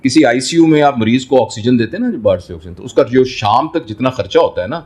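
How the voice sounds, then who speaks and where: Animated, fatherly man explaining. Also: mid-range voice, slightly rough. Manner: explains through everyday examples and rhetorical questions; fatherly, addresses listener as son. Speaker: doctor, interview guest. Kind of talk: reflective interview answer.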